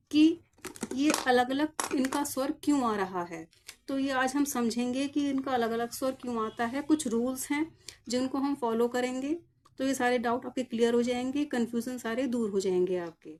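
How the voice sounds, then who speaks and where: A woman's voice: on the high side, darkish tone. A woman teaching English pronunciation rules, patiently spelling out each word letter by letter and then saying it. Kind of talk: slow explanatory lesson.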